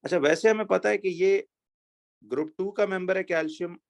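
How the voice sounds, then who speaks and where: A man teaching a chemistry lesson, reading exam questions slowly and explaining step by step with rhetorical questions to his pupils. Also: high voice, creaky.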